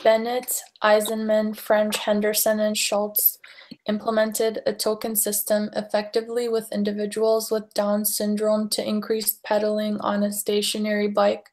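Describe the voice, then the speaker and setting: Flat-voiced woman reading slowly. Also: mid-range voice. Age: 30s. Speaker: student presenter. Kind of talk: reading a class presentation.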